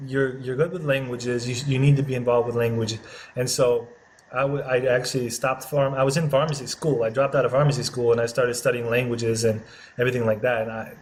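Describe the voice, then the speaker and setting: A man's voice: medium pitch, slight background noise. A man hosting an interview as the head of a translation company, friendly, laughing often and repeating words. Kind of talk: casual interview.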